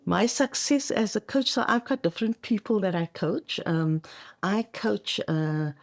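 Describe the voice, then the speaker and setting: Lively intonation and vocal fry color this woman's mid-range voice, which keeps a measured pace. She's a middle-aged Afrikaans-speaking South African coach in a conversational podcast interview, emphasizing her points and checking in throughout.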